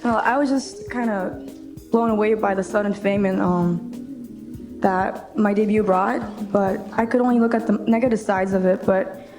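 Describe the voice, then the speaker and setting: A woman's voice: medium pitch, moderate pace. A woman answering interview questions in a hesitant, reflective way. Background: clear music.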